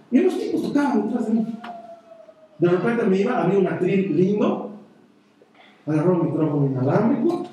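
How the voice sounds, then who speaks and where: A man preaching a sermon, telling personal stories in an earnest way and often dropping into a soft, quiet voice. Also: high voice. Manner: earnest, personal storytelling with sudden soft drops. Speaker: pastor. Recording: echoey hall, voice from far off.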